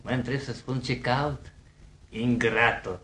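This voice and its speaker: A man's voice: medium pitch, fairly even intonation, sharp tone, slight background noise, natural voice. A man playing a pompous young lovesick suitor in a table reading of a stage comedy, bombastic and flowery, stumbling over fancy words. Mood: ardent.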